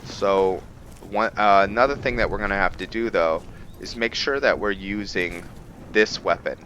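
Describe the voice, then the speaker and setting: A gaming video host with a fairly low, slightly bright voice talks at normal speed, giving casual roleplay commentary and thinking aloud to himself as he plays. Game music runs under his voice, and there's a little hiss or hum.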